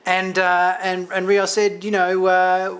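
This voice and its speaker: A man's voice: high-pitched, completely flat delivery, slow pace, a bit bright. A man hosting a TV review channel, giving a casual, rambling spoken episode review with many fillers, restarts and light laughs.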